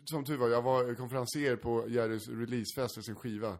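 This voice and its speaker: En man som berättar en pinsam anekdot i ett avslappnat samtal, skrattar ofta, svär och spelar upp röster. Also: medium pitch. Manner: animated, acts out voices in anecdotes, swears freely; laughs often while talking. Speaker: stand-up comedian, podcast co-host. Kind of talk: casual storytelling chat.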